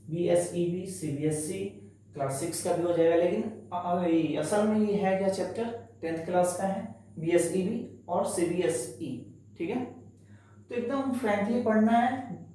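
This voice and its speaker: Chatty teacher in a very echoey room. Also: male voice, high-pitched, measured pace, dark tone, distant mic. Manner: chatty, reassuring, repeats key words. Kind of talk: online classroom lesson. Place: echoey classroom, writing on a board.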